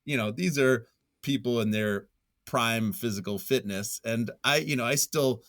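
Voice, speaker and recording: A man with a mid-range, fairly bright voice talks unhurriedly in a studio-quality recording with no echo. Being interviewed as a writer and journalist, he stays conversational and goofy, putting himself down with frequent chuckles.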